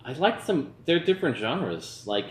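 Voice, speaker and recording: A man's voice: on the high side, big pitch swings, moderate pace. A tipsy man co-hosting a casual movie review, talking in a loose, rambling way. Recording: roomy echo with background noise.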